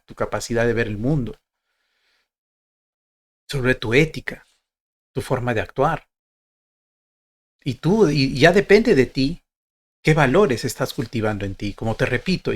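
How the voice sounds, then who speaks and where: Man, motivational talk, conversational, rhetorical questions, average pitch. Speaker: motivational speaker for university applicants.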